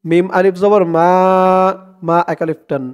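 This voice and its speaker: A man's voice: a little high, steady tone, a little mellow, smooth, muffled recording. A man teaching a prayer, spelling it out syllable by syllable and chanting the words drawn out, with a Bangladeshi accent. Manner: drawn-out chanting of Arabic words between quick Bengali explanations. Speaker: Quran and dua teacher.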